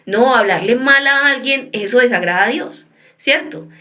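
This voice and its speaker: A woman preaching in a relaxed, conversational sermon. Her voice sits a little high for a woman. She keeps turning to her listeners with quick questions as she explains. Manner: conversational teaching, often checks in with listeners.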